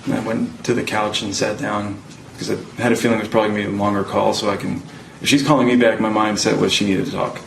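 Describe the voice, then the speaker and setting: A man testifying as a witness in court, recalling events in a halting way with many pauses. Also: fairly low pitch, flat delivery, gravelly, a little hiss or hum. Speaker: trial witness. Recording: echoey courtroom audio from a distant mic.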